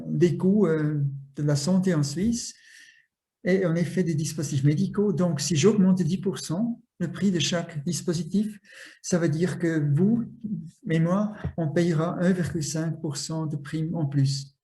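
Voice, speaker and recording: Man, foreign accent in French, non-native speaker, higher-pitched, soft mellow tone, halting explanatory presentation. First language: not French. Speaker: industry association representative, speaker. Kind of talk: presentation to an audience.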